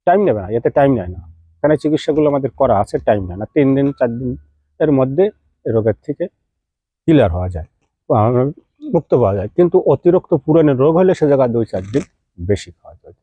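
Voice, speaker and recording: A man's voice: medium pitch, animated, fast talker, long pauses, husky, no echo. A man speaking in an explains folk remedies to his viewers in an easy, chatty teaching manner. He breaks in with direct questions to his listeners as he goes. The recording is dry and dull, with a lo-fi tone. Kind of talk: casual spoken instruction to viewers.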